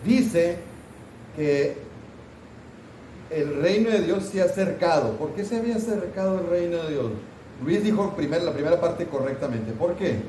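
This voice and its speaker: A man's voice: a little high, lively intonation, normal speed, mellow, far from the mic, a little hiss or hum. Man teaching a Bible class from off-mic. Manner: conversational, asks the class questions, mock scolding asides. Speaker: pastor teaching Sunday school. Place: church classroom. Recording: roomy church hall, voice from off-mic.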